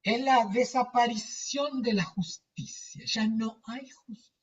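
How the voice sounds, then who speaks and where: A man chats casually on a video call and wanders through his story while he gropes for names. His voice is husky and breathy. It comes across distant and dull, like muffled lo-fi call audio. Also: very high-pitched, a little slow. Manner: rambling, searches for words, anecdotal. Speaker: lecturer. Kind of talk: casual chat with a group.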